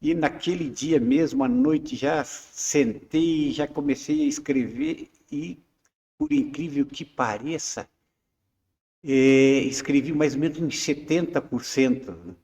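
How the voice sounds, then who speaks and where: A man's voice: on the high side, expressive, slow, darkish tone, big-room sound. A man in his seventies, a poet being interviewed, who talks hesitantly with many fillers and restarts. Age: 70s. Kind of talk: casual interview chat.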